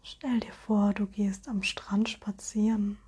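Woman, soft spa whisper, very breathy, mellow, soothing hypnosis guide. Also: medium pitch, flat delivery. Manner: soothing, slow, gentle suggestions.

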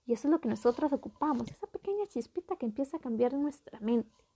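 A woman's voice: high-pitched, animated, fast talker, dark tone, breathy edge. A woman hosting a motivational podcast, talking straight to the listener as a friend and repeating phrases for emphasis. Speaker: podcast host.

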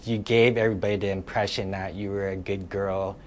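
A woman interviewing a guest, calmly guiding the talk and summing up what she hears. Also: very deep voice, fairly quick, slight background noise. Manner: calm, guiding, summarizing the guest's words. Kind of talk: interview questions.

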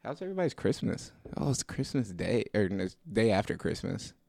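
A man's voice: on the low side, very animated, fairly quick, creaky, dark tone, no room sound. A young man with a slight lisp hosting a casual chat with friends in his small apartment, rambling and laughing often. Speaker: podcast host. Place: small apartment dining room.

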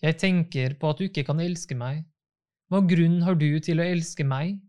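A man's voice: a little high, darkish tone, natural voice. A man reading the part of a troubled young groom full of self-doubt, in a despairing, pleading tone.

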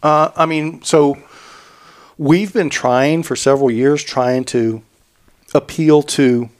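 A man's voice: on the high side, takes it slowly. A man who organizes cycling events, chatting casually on a podcast and rambling as he restarts and repeats words.

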